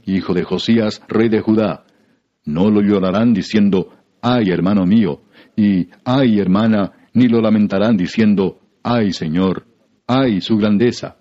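A man's voice: fairly low pitch, mellow. Solemn man reading scripture on radio. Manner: measured solemn recitation. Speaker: scripture reader. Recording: muffled radio broadcast.

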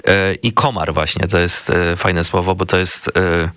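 A man co-hosting a radio show, chatting casually and hesitantly, with many filler sounds and pauses. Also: sits low, flat delivery, fairly bright tone, smooth, no echo, studio quality. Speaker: radio co-host. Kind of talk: casual radio chat about Japanese words. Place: radio studio.

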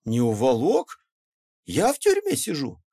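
A man reading an audiobook puts on a bitter, bellowing peasant who rants at full volume, his voice pushed up and strained with outrage. The delivery swings widely in pitch as he complains of injustice. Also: very animated, moderate pace. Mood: aggrieved. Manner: shouting, ranting, bitter. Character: loud aggrieved middle-aged peasant man, indignant.

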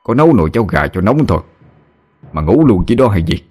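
A man's voice: sits low, normal speed. A man voicing a fretful, impatient older village man who grumbles and scolds in a story reading. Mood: grumbling.

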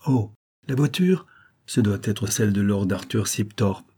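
A man voicing a gentle, elegant middle-aged noblewoman who pleads and reproaches in an audiobook. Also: on the low side, expressive, a little slow, breathy edge. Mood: reproachful. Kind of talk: audiobook character voice.

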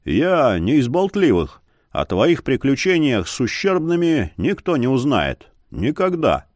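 A gruff, seasoned swordsman who speaks low and takes his time, as a man voices him for a fantasy audiobook. He sounds steady and curt. The recording is dry and close, with no room around it. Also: measured pace, dry recording. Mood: calm.

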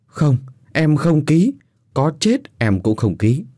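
A man's voice: medium pitch, very animated, moderate pace, mellow, dry recording, studio quality. A man voicing a desperate, heartbroken young wife who pleads through tears. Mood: pleading, tearful. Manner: tearful pleading, raised voice.

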